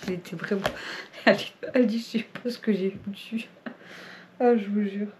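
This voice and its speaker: A woman's voice: mid-range voice, fairly even intonation, moderate pace, background noise. A woman chatting casually to her vlog viewers at home, rambling and laughing often. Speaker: family vlogger. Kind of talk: casual vlog chat to camera.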